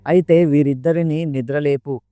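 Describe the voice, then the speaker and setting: A man's voice: a little high, steady tone, moderate pace, dark tone, clean tone, lightly acted. A man reading as a pleading young demoness. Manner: earnest, pleading, urgent.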